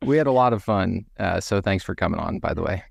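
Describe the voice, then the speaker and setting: A man's voice: low voice, animated, fast, gravelly, dry recording, studio quality. A man from South Texas, a podcast guest speaking in a playful, joking way. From South Texas, USA. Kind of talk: casual podcast chat.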